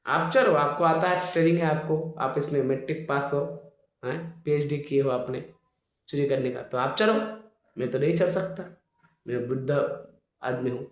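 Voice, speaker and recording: A man's voice: fairly high pitch, moderate pace, natural voice. A man voicing a humble, fretful elderly male devotee who protests and pleads, recorded in an echoey room. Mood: pleading.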